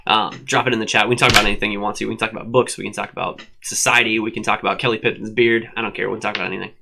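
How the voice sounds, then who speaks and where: A man's voice: on the low side, little pitch movement, very fast, vocal fry, very noisy. A man co-hosting a live online show, chatting casually, teasing and laughing often. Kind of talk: casual banter. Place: at a desk at home with a dog.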